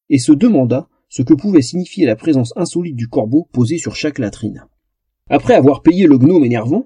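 Husky, dark-voiced male storyteller. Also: medium pitch, no echo. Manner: expressive, comic storytelling. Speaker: narrator. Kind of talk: audiobook fantasy narration.

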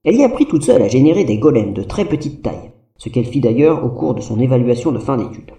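Un homme qui lit à voix haute une fiche de personnage d'un ton pince-sans-rire. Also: male voice, mid-range voice, animated, fast talker, mellow. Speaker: co-narrator. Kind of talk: reading a character sheet. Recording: roomy and distant mic.

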